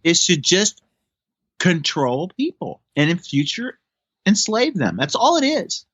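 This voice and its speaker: A man's voice: high-pitched, wildly swooping pitch, measured pace, fairly bright tone, breathy edge, no room sound. A man in his fifties, a chiropractor guest on a podcast, talking emphatically and preachily in casual chat. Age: 50s. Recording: dull lo-fi sound.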